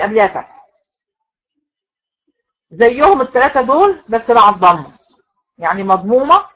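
A woman with an Egyptian accent teaches a recitation class in a slightly high voice. She lays out each rule in careful steps, throwing questions to her women students and answering them herself. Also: fairly bright tone, low-quality recording. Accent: Egyptian Arabic. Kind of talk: classroom lecture.

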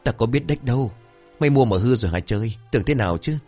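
A man's voice: mid-range voice, lively intonation, fast talker, darkish tone, soft background music, pitched above the performer's own voice, lightly acted. A man voicing a clumsy young village boy, sulky and fumbling with his words. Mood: flustered.

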